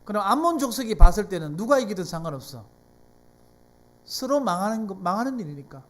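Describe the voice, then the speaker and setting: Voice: medium pitch, sing-song, brisk. A pastor from South Korea with a Gyeongsang accent, preaching a sermon in a church and putting frequent rhetorical questions to the congregation. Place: church sanctuary.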